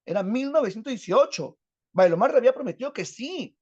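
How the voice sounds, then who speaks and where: A man's voice: very high-pitched, animated, quick pace, darkish tone, breathy edge, dry recording. A male literature teacher, telling a dramatic story as a lecture and asking rhetorical questions. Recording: dull lo-fi dry recording.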